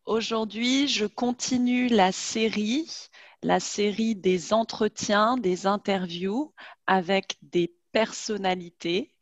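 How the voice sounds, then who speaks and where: A woman's voice: medium pitch, slow pace, no echo. A woman in her forties hosting a casual video call interview on a headset, chatty and laughing often. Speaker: host and French teacher. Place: home room, video call.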